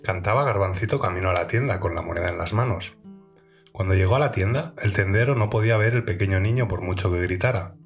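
A man narrating a children's folk tale in a calm, clear storytelling manner. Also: low voice, quick pace, faint music behind.

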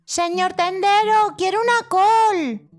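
A woman voicing a tiny, brave little boy in a children's story, with a high, slow, sing-song child voice. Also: lively intonation, soft background music. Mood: cheerful. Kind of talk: storybook acting.

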